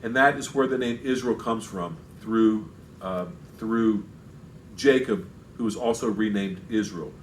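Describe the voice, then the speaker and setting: A man's voice: fairly low pitch, unhurried, slight background noise, rough recording. A man preaching an expository sermon as pastor, reading scripture aloud and then explaining it in plain asides with frequent restarts.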